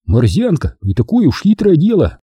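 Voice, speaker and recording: A man voicing an excitable young partisan. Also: on the high side, moderate pace, husky, dry recording, pitched above the performer's own voice, full character voice. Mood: eager. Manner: eager, excitable outbursts. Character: impulsive young male partisan scout.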